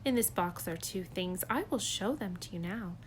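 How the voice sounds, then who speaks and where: A woman's voice: mid-range voice, lively intonation, normal speed, a little hiss or hum, natural voice. A woman voicing a playful, showy cat in a tall hat, in a bouncy, reassuring sing-song, reading a storybook aloud. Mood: cheerful.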